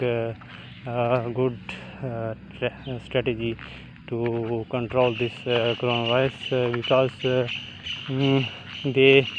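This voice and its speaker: Walking across university grounds, a vlogger with a Pakistani accent and a mid-range voice talks casually to his viewers in short, broken, hesitant phrases. The outdoor audio is muffled and carries clear background noise.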